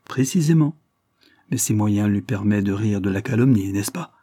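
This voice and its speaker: A man reading the part of an older lord, mocking and secretive, speaking in a wry, measured way. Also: lowish voice, lively intonation, dark tone, slightly rough, no room sound, studio quality.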